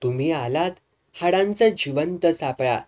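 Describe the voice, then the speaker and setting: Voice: mid-range voice, expressive, unhurried, darkish tone, close to an everyday voice. A storyteller voicing a bedridden, ailing old man who is sarcastic and bitter. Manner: sarcastic, scolding.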